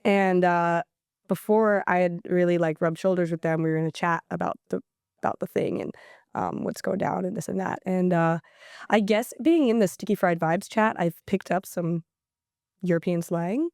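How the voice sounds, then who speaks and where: A woman's voice: on the low side, moderate pace, smooth, no echo, studio quality. A young American woman, a DJ guest, telling stories animatedly in a casual podcast chat, full of "like" fillers. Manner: animated storyteller, lots of "like" fillers. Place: podcast studio.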